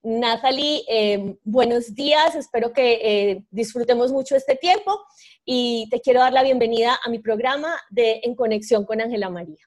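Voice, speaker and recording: High-voiced woman hosting a live show. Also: normal speed. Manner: warm, effusive, hesitant with fillers. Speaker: host. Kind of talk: live online interview.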